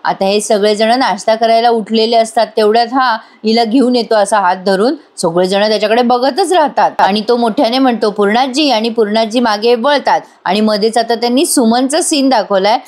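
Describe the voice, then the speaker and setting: A woman giving a voice-over recap of a TV serial, telling the story briskly with sympathetic asides. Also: a little high, darkish tone.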